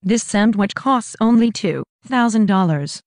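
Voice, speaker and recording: A woman voicing a literal-minded robot barista in a comedy sketch, with a flat, formal, machine-like delivery. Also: medium pitch, a little slow, no room sound, studio quality. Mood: deadpan.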